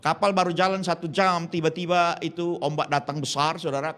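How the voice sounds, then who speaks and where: A man in his fifties from Indonesia, a pastor preaching a sermon as a lively story, acting out the voices of the people in it and slipping English phrases into his talk. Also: a little high, a little fast. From Indonesia (Jambi, Sumatra).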